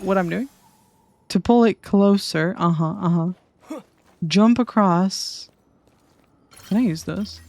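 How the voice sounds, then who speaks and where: Giggly excitable woman streamer. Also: lowish voice. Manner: excitable, giggly, talks to viewers. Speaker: game streamer. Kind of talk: game playthrough reaction.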